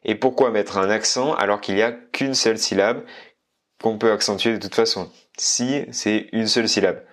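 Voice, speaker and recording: Speaking at a normal speed, this channel host has a lowish, fairly bright voice. He teaches Spanish in a relaxed video lesson, addressing the viewer directly and mixing Spanish phrases into his French explanations.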